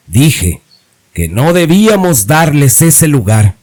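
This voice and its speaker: A man voicing a weary, cautious village priest who speaks in a measured, reasoning way. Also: fairly high pitch, very animated, darkish tone. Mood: grave.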